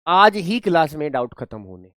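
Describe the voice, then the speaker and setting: Animated grammar teacher. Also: male voice, on the high side, normal speed, dry recording, studio quality. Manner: animated storytelling, playful, rustic. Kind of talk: live online class.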